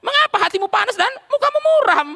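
God sternly scolds an angry man with pointed questions, as a male pastor voices him in his sermon. The voice is bright and gravelly, swinging widely in pitch, and it echoes through a church hall. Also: expressive, fast, heavily acted. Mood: rebuking.

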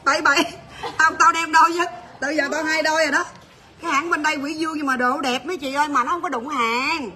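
High-voiced shop owner. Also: female voice, fairly even intonation, bright, forceful tone. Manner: rapid, blunt teasing banter with staff, laughing often. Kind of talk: livestream sales chat.

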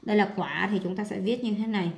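A woman English teacher with a Vietnamese accent, working through a workbook exercise and talking as she writes, with pauses and fillers. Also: mid-range voice, creaky, darkish tone. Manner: talks while writing, with pauses and fillers. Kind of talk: casual workbook walkthrough.

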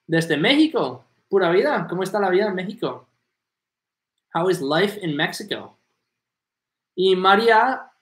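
A man's voice: a little high, a bit bright. A man teaching English on a livestream, greeting viewers by name and moving between Spanish and English. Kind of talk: live Q&A, reading viewer comments. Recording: echoey room.

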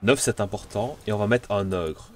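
A man's voice: lowish voice, moderate pace, a little mellow. A man with a French accent giving casual, playful commentary on his own card game as he plays, thinking aloud. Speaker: gameplay commentator.

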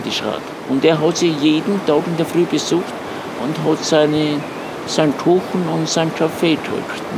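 A woman's voice: low-pitched, vocal fry. An older woman, chatting and gossiping outdoors by a lake. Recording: outdoor noise.

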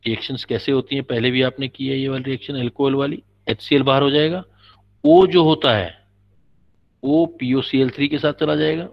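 A man's voice: medium pitch, fairly even intonation, normal speed. A man teaching a chemistry class, patiently explaining and quizzing his students. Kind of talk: classroom lecture. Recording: dull lo-fi recording.

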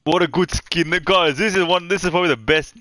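A young man streaming live from his room on a headset mic, chatting excitedly as he opens game loot. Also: on the high side, fairly quick, dry recording. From Australia.

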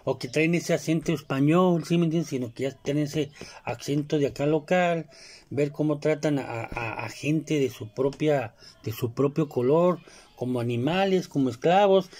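A man's voice: on the high side, mellow. A man with a Mexican Spanish accent, talking casually in a rambling monologue full of fillers and asides. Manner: rambling, filler-heavy, keeps asking "you know?". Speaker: commentator.

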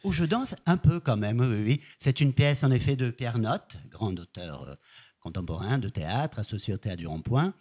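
A man's voice: mid-range voice, expressive, normal speed, a little mellow, husky. Male actor chatting as a guest. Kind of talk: casual interview chat.

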